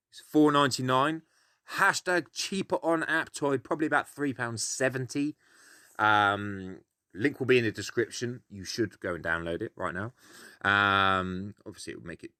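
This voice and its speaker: Deep-voiced grumpy British man. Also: moderate pace, bright, forceful tone, no room sound, clean studio sound. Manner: grumpy, grumbling; blunt, swears often. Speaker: gaming video host. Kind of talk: casual game explainer with opinions.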